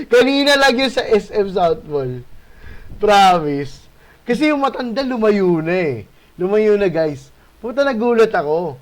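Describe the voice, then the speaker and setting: Man, host, high voice, animated casual storytelling, sprinkles swearing. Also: takes it slowly. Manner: animated, swears, many tag questions. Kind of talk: casual storytelling of a ghost encounter.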